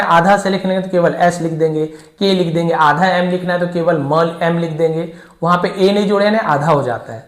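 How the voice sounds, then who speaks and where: A male teacher explaining spelling step by step, patient and repetitive, voicing his students' questions himself. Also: sits high. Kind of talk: classroom-style lesson. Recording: echoey room.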